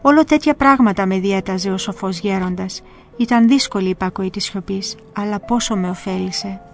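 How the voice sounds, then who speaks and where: A woman narrating a first-person story in a calm, earnest storytelling manner. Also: mid-range voice. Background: faint music.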